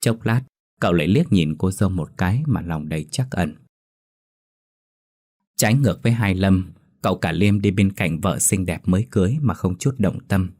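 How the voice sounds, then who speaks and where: A male storyteller narrates a drama in a steady, measured manner. His voice sits very low. The reading is scripted and paced evenly. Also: dry recording, clean studio sound.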